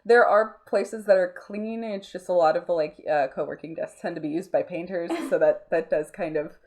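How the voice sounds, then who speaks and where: A woman with a fairly low, darkish voice speaks at a moderate pace as an interview guest. She co-founded a nonprofit arts space and talks in a chatty, informal way, often saying "like" and "you know".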